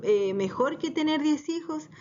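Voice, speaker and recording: A woman doing a gentle husband consoling his wife. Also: sits high, animated, measured pace, slight background noise, voice pushed up. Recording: dull lo-fi recording.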